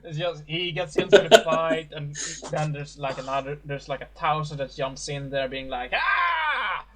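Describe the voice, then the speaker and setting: A man narrating as game master in a casual tabletop session, speaking haltingly with many fillers and restarts. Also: fairly high pitch, little pitch movement, crowd noise.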